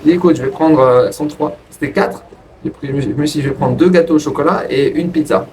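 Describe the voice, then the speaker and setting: A man casually telling a personal story to his viewers in a rambling way, with frequent restarts. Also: fast. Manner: rambling, restarts, lively pitch jumps. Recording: distant from the mic with faint ambient noise.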